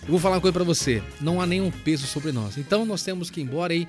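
A man hosting a relaxed talk show, chatting cheerfully as he wraps up the episode. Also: a little high, rapid-fire, soft background music. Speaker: host.

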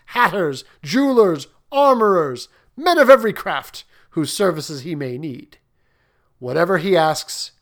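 A man reading a storybook, voicing a stern, hot-tempered king who booms out loud commands.

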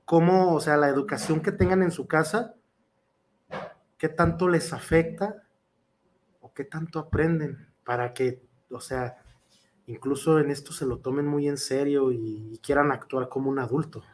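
A man's voice: fairly high pitch, fairly even intonation, normal speed. A man with a Mexican accent, a professional wrestler answering interview questions in an earnest, rambling way full of fillers and restarts.

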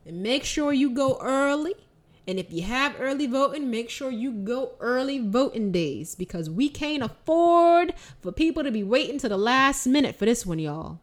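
A woman voicing an older church lady who reads out weekly announcements in a folksy, scolding, emphatic way. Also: high voice.

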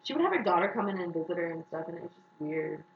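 A woman's voice: lowish voice, sing-song, rapid-fire, recorded from a distance. A woman, chatting casually as a podcast co-host and laughing often. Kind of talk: casual chat. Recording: roomy, dull, noisy recording.

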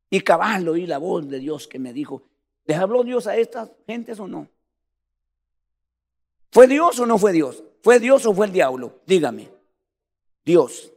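A man's voice: high-pitched, gravelly, big-room sound. A man preaching a sermon in a fervent, emphatic way, speaking straight to the congregation.

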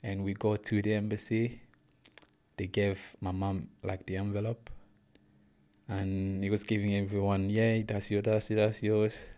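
Interview guest: young man from Congo, English not his first language, lowish voice, earnest storyteller. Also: flat delivery, unhurried, a little mellow, smooth. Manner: earnest, plain storytelling, says "bro" often. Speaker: guest, professional boxer. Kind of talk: casual interview.

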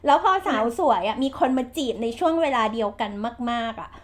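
A woman hosting a podcast chat, giving blunt, lively advice with frequent laughter and slangy speech. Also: a little high, fairly quick. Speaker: podcast host and real estate agent.

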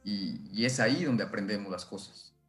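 A man's voice: on the low side, moderate pace, fairly bright tone, soft background music. A man who works in science, talking casually on a podcast, eager and rambling with many restarts. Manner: enthusiastic, agreeing, rambling. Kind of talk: casual conversation.

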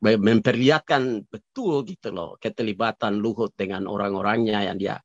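A man's voice: on the low side, moderate pace, dry recording. A man giving conversational political commentary as an interview guest, hesitant with many fillers and restarts, dropping in English phrases. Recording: dull lo-fi recording.

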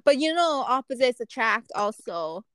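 A woman with a fairly high voice hosts a casual podcast chat. She teases and keeps prompting with questions. The recording is dry and close. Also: big pitch swings, normal speed, fairly bright tone, smooth, dry recording. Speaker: podcast host.

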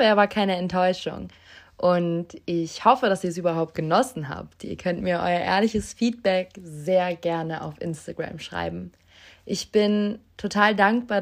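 A young woman hosting her own podcast, telling a personal story in a casual, emotional, self-mocking way and speaking straight to her listeners on a basic microphone. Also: on the low side. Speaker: podcast host. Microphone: basic non-professional mic.

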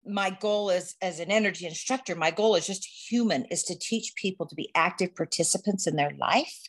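A woman, an energy instructor, teaching on a podcast in a lively way, laughing and quoting herself. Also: lowish voice, fairly quick, slightly rough. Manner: animated, laughs, quotes herself in little voices.

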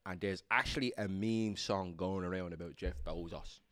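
A man in casual chat with friends, rambling through a story and quickly getting annoyed. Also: low-pitched, fairly bright tone, slight background noise. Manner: rambling, quick to get annoyed, talks over others.

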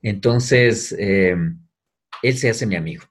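A man's voice: fairly low pitch, slow, slight background noise. A middle-aged man, a guest, telling a long personal story in casual talk, acting out the voices of people he quotes. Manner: animated, acts out quoted voices.

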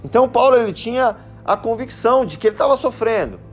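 A man's voice: very high-pitched, expressive, fast talker, faint music behind. A man giving a sermon as a pastor, shifting between Scripture and casual family stories. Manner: conversational, anecdotal preaching.

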